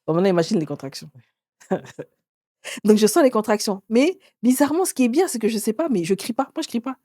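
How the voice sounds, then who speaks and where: Animated woman telling her story. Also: fairly quick, no room sound, studio quality. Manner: animated, acts out others' words with sudden pitch jumps. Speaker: author and interview guest. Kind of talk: personal storytelling in an interview.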